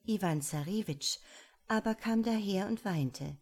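A woman reading a fairy tale aloud in a measured storytelling manner. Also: mid-range voice, lively intonation, darkish tone.

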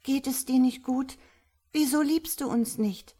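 Bibi, a frightened little storybook creature, pipes her words up high and anxious, full of guileless worry, as a woman narrator puts her on. Her voice pushes well above the reader's own lower tone. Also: measured pace, mellow, breathy edge. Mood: plaintive. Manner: high, plaintive and fearful. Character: timid innocent little female creature.

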